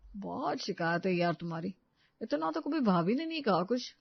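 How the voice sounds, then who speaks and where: A woman's voice: medium pitch, very animated, normal speed, creaky, breathy edge, dry recording, heavily acted. A woman voicing a young husband who talks in a teasing, offhand way. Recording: slightly dull, dry close recording.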